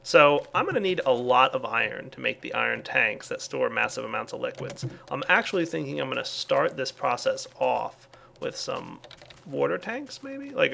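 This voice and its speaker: A man's voice: mid-range voice, vocal fry, pushed and bright, a little hiss or hum. A man casually commenting on his game as he plays, thinking aloud with lots of fillers. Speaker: let's play host.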